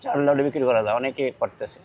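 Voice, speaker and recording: A middle-aged man with a Bangladeshi Bengali accent, a poor food seller speaking humbly and haltingly on a city street. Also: mid-range voice, darkish tone, highs cut off. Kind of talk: casual street conversation.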